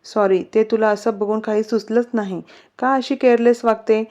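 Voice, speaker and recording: Woman doing a protective young husband, quick temper, storybook, high mellow voice, dull recording. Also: fairly even intonation, natural voice. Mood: tender. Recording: slightly muffled recording.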